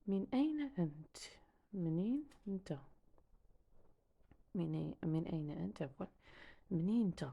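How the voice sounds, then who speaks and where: A woman teaching a language lesson, saying each phrase slowly and then repeating it for learners. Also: fairly low pitch, expressive, creaky, husky, highs cut off.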